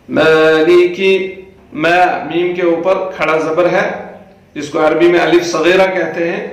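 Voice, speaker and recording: A man teaching Quran recitation, patiently explaining how each letter sounds and then slowly chanting the words. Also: a little high. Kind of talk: tajweed lesson with slow chanted recitation. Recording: very echoey room.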